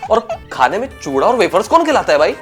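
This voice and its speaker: A man's voice: high-pitched, big pitch swings, fast talker, a bit bright, faint music behind. A young man in a scripted comedy sketch, playing a husband and firing off sarcastic one-liners.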